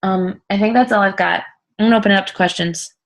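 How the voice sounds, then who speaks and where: A woman's voice: mid-range voice, steady tone, fast. A woman leading an informal coaching talk as a team leader, blunt and emphatic, repeating her points and swearing freely.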